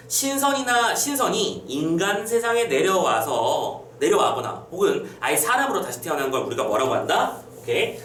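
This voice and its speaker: A male teacher with a high, very lively voice, lecturing his students in a playful, chatty way and throwing quick questions at them. He sounds a little away from the mic in an echoey room, with a faint hum behind him. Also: far from the mic. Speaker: Korean literature teacher.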